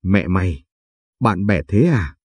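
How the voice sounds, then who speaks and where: A man's voice: sits low, animated, takes it slowly, slightly rough, no echo, heavily acted. A man voicing a furious, heartbroken young wife who hurls accusations at her husband. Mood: enraged. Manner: shouting accusations.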